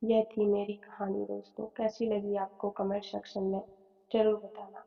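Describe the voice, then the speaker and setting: A woman reading a first-person story aloud in a flat, even way. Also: medium pitch, normal speed, vocal fry, husky. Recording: phone-like tone, long reverb, soft music.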